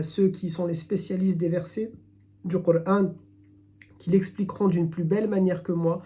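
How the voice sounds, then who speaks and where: In a live-streamed religious lesson, an Islamic teacher speaks earnestly in French, his first language rather than Arabic. His voice is high and warm. He is emphatic, repeats himself, and often restarts as he searches for words.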